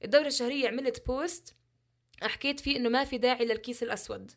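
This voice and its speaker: Woman, twenties, interview guest, emphatic, rhetorical questions, rapid-fire, slightly high voice. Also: vocal fry, fairly bright tone. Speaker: guest, social media content creator. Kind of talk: candid interview talk.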